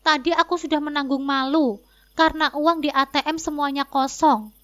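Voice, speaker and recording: A woman's voice: high voice, fairly even intonation, normal speed, sharp tone. A woman voicing a lying husband in a spoken story, pleading his innocence and then turning indignant. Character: lying defensive adult husband, male.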